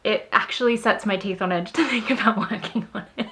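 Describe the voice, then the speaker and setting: A woman's voice: mid-range voice, fairly quick, bright, forceful tone. A woman author talking straight to the camera in a casual vlog, wry and self-deprecating, with a sarcastic edge. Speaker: author vlogger.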